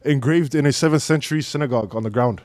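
A man's voice: mid-range voice, quick pace, a little mellow. A man chatting casually and in slang as a podcast host.

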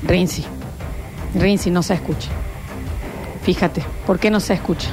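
A woman's voice: fairly low pitch, fairly even intonation, unhurried, over music. A woman co-hosting a casual radio talk show, chatting loosely while fumbling to play clips on air. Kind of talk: casual studio chat.

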